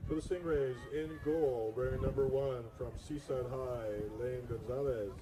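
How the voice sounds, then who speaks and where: A man calls out lineups as the announcer at an outdoor soccer field, in a measured, formal announcing rhythm. His voice sits in a middle register. Heavy outdoor noise rumbles under the recording. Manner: steady formal announcing cadence. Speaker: stadium announcer. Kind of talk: public address player introductions.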